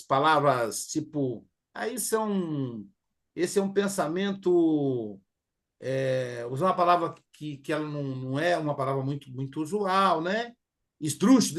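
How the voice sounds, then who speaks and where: High-voiced Brazilian man teaching. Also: fairly bright tone. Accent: Brazilian Portuguese. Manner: conversational, with many fillers and acted quotes. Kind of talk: spoken class lecture.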